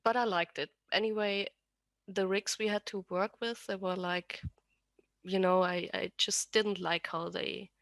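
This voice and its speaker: A woman of medium pitch speaks in a level tone, a little slowly, with vocal fry and a fairly bright quality, recorded without echo. German is her first language and she has an Austrian accent, chatting as a podcast guest about rigging while often restarting and self-correcting.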